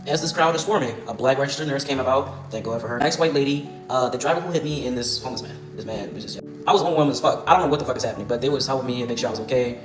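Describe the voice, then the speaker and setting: A young man tells a story to camera in a rapid, profane, laughing way. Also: medium pitch. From Baltimore, USA. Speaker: storytime vlogger. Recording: echoey room with music behind.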